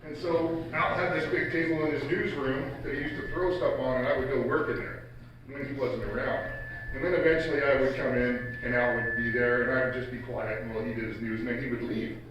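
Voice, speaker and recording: A man's voice: medium pitch, fairly even intonation, highs cut off. A man giving a roast speech full of stops and restarts, telling stories about a former coworker. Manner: halting storyteller with many restarts. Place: event hall. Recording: echoey hall, far mic, background noise.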